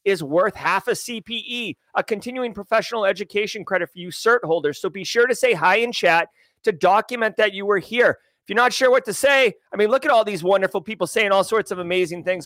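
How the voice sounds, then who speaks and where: A man hosting a daily livestream, talking casually and energetically to his chat with slang and shout-outs. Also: high-pitched, no room sound. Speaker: host.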